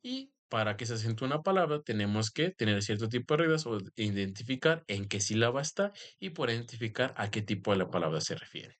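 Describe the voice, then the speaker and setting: A man, a teacher explaining rules step by step and often filling pauses with the same stock phrase. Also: mid-range voice, expressive, fairly bright tone. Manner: explanatory, repeats "en este caso" as a filler. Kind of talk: recorded grammar lesson.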